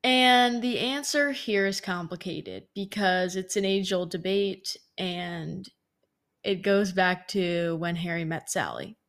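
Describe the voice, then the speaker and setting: A woman's voice: lowish voice, animated, slow, fairly bright tone. A woman in her twenties, a podcast host, telling a story in a chatty way with lots of filler words. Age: 20s. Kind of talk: casual storytelling monologue.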